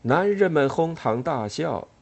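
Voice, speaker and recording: A man's voice: fairly high pitch, unhurried, gravelly, dull audio. A man narrating a novel as an audiobook, telling it expressively. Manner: expressive, animated storytelling.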